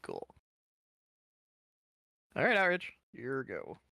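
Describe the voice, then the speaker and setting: A man's voice: medium pitch, wildly swooping pitch, slow, creaky, pushed and bright, no room sound, clean studio sound. A man refereeing a tabletop wargame, explaining rules in a loose, joking way with many restarts. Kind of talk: casual game-table chat.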